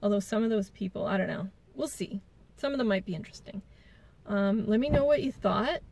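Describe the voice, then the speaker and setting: A woman's voice: mid-range voice, a little fast, vocal fry, darkish tone. A woman recapping a reality show in a casual, blunt, catty rant, full of filler words. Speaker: TV recap vlogger.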